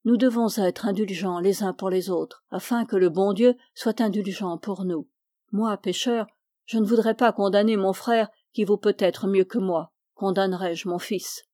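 A woman's voice: medium pitch, steady tone, moderate pace, dark tone, no room sound, clean studio sound, lightly acted. A woman voicing a devout, stern old retired captain in a novel reading. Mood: pleading.

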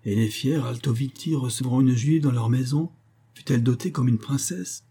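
A man reading aloud and voicing a fawning, shrewd old male banker with a nasal, whining voice, in a low husky register. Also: moderate pace, warm tone. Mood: sly.

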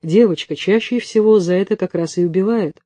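A man voicing a soft-spoken male interrogator who talks quietly and evenly, coaxing and menacing at once. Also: sits high, brisk, no room sound, lightly acted.

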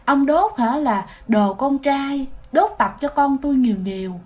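A woman's voice: high voice, measured pace, darkish tone. A woman voicing a threatening female ghost, a mother spirit taunting an intruder, with a Southern Vietnamese accent. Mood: pleading. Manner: threatening, cackling.

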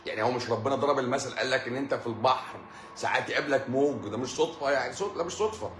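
A man's voice: mid-range voice, very fast, a bit bright, echoey room, slight background noise. A middle-aged man with an Egyptian Arabic accent, a doctor chatting casually with live-stream viewers, telling jokey stories and laughing often. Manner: joking storyteller, laughs often.

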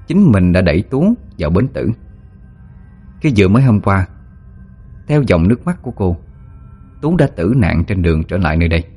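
A man narrating a ghost story in a steady, dramatic way. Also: sits low, slightly rough.

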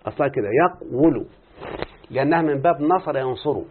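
A man's voice: mid-range voice, animated, quick pace, slight background noise. A man with an Egyptian accent teaching a grammar lesson, questioning his students as he explains. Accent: Egyptian Arabic. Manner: questioning students, drawing out answers. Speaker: teacher of Arabic morphology. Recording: tinny phone-like recording.

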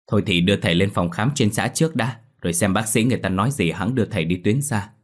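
A man voicing a practical eldest son who speaks in a measured, slightly hesitant way. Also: lowish voice, natural voice. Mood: cautious.

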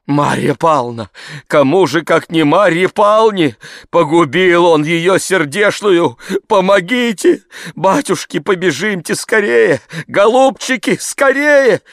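Паникующий старик, задыхаясь, в исполнении чтеца; голос выше обычного. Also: male voice, sits high, animated, unhurried, a bit bright, dry recording, studio quality, voice pushed up, exaggerated voice. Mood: frantic panic. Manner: gasping, frantic. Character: panicked old household man, breathless.

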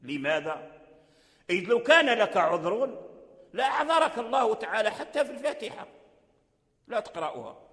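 High-voiced sheikh, echoing hall. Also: male voice, sing-song, fairly bright tone. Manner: repeats phrases, slow deliberate explanation. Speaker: sheikh teaching Quran recitation. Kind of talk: religious lecture. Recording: long hall reverb.

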